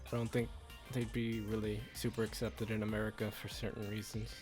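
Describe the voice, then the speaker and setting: A man with a lowish, fairly even voice gives casual commentary on a video game stream. He rambles and thinks aloud as he goes. Game music plays clearly behind him. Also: fairly quick.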